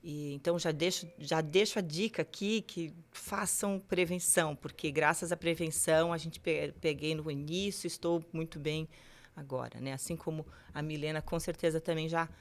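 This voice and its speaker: A woman's voice: low voice, steady tone. Candid woman telling her story. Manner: candid, halting, many fillers like "né". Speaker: guest sharing her cancer story. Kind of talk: emotional personal storytelling.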